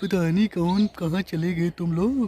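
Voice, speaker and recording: A man plays a fretful cartoon doctor who frets that he is lost too and keeps adding "yaar". The voice is pitched high. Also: steady tone, normal speed, mellow, husky. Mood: worried. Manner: tacks "yaar" and "paaji" onto every phrase.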